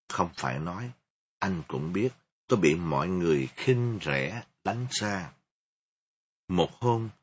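Male audiobook reader, first-person story narration, low husky voice, lively pitch. Lo-fi, muffled recording. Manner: emotive reading, restarts with "read again". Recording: dull lo-fi recording.

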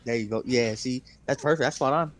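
A young man co-hosts a podcast and fires off jokes and profane banter at a very quick clip. His voice sits at an ordinary middle pitch for a man, and he keeps the chat loose and casual. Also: slight background noise. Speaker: podcast co-host.

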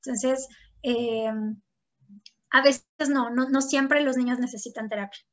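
In a high voice with fairly even intonation and a measured pace, a chatty psychologist guest walks through her points in conversation, illustrating them with anecdotes. She often says "¿no?" and performs the voices of those she quotes, and the recording is dull and lo-fi.

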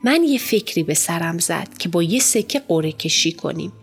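A woman narrating a children's storybook in the first person as a schoolboy, with lively, expressive storytelling. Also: lowish voice, gravelly. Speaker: audiobook narrator. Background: faint music.

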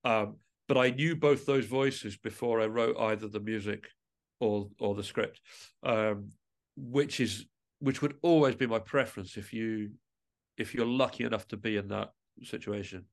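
With a fairly low, creaky voice at a measured pace, this middle-aged man appears as an interview guest, a musician, composer and writer. He speaks conversationally and thoughtfully, pausing to hesitate and rephrase his points.

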